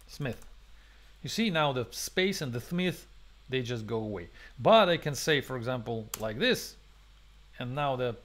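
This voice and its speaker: A man's voice: medium pitch, fairly bright tone. A man hosting a programming webinar, thinking aloud through a live coding demo with many fillers, restarts and non-native phrasing. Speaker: webinar host and programming instructor.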